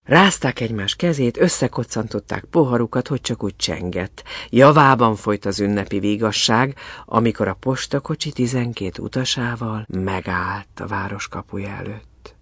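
A man reading a fairy tale aloud in an expressive, storytelling manner. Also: fairly low pitch, husky, no room sound.

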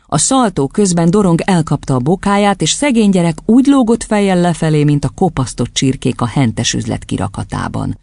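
A woman narrating an audiobook in measured storytelling. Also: low-pitched, big pitch swings, creaky, a little mellow, no room sound.

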